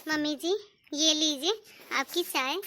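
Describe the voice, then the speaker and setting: A woman's voice: sits high, unhurried, a little hiss or hum. A woman voicing a patient, respectful elder daughter-in-law in a cartoon. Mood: gentle. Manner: gentle, dutiful, respectful. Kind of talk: cartoon voice acting.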